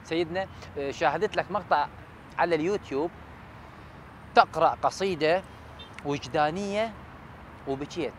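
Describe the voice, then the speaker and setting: A man's voice: on the high side, normal speed, long pauses, slight background noise. A man in his thirties with an Iraqi Arabic accent, interviewing conversationally in a deferential way. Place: outdoors at night in a city park. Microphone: lapel mic.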